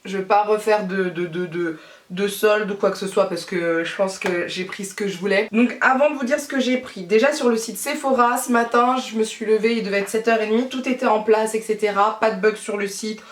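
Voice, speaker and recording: A French woman with a mid-range voice talks fairly quickly and rambles on while doing her makeup for a casual beauty vlog. She's off-mic, and the room sounds echoey.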